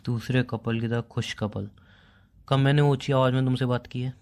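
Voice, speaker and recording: A man's voice: mid-range voice, fairly even intonation, moderate pace, natural voice. A young man playing a boyfriend who feels ignored, reproachful and sarcastic toward his girlfriend. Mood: bitter. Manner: reproachful, sarcastic, quietly bitter. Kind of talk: amateur romantic audio drama.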